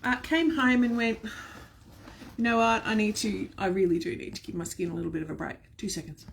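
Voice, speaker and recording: A woman talks her viewers through her skincare routine, gushing and fond. Her voice has a gravelly, creaky texture at an ordinary middle pitch. She is filmed from a camera set a little way off, with a faint noise underneath. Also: fairly even intonation, moderate pace. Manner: chatty, gushing, addresses viewers fondly. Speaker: skincare product seller. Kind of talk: live skincare demonstration. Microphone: camera set at a distance.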